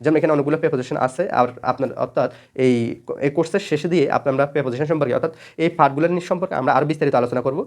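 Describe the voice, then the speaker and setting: Quick male grammar teacher, Bengali native, slightly high voice, repeats himself a lot. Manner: repeats each point several times, many fillers. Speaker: English teacher. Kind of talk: spoken grammar lesson.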